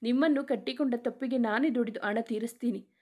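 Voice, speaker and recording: A woman's voice: a little high, brisk, darkish tone, close to an everyday voice. A woman voicing a wronged young wife who pleads and reproaches through tears in a spoken story. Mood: bitter.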